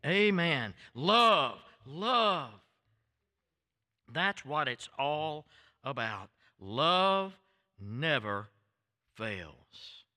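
An older man with a thick Deep South American accent, preaching in a folksy, emphatic, storytelling way as a pastor. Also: sharp tone, smooth. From southern United States. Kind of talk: sermon. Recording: reverberant hall sound.

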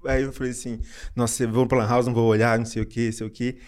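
A young man from Brazil, a psychiatrist, guesting on a podcast and telling a personal story in an animated way, laughing often and repeating phrases. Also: mid-range voice, rapid-fire, clear, resonant tone. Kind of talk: casual storytelling in an interview.

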